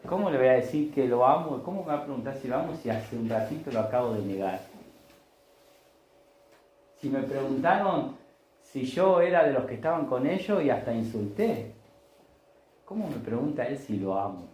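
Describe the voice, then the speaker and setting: Guy preaching sunday sermon, acts out the dialogue, mellow voice, echoey church, faint hum behind. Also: mid-range voice, expressive, moderate pace, pauses often. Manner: conversational storytelling, acting out voices in dialogue.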